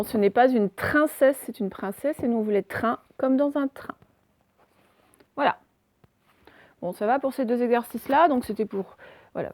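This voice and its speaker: Primary teacher, woman, gravelly tone, dry close sound, patient and deliberate with young learners. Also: mid-range voice, a little mellow, dry recording. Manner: slow, carefully articulated words for dictation. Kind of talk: remote phonics lesson for young children.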